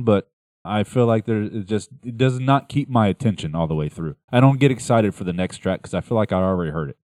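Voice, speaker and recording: Low voiced guy teasing his cohost, stop-start talk, dry mic. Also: a little mellow, dry recording. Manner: joking, teasing, halting starts. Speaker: podcast co-host. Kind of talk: casual chat about music.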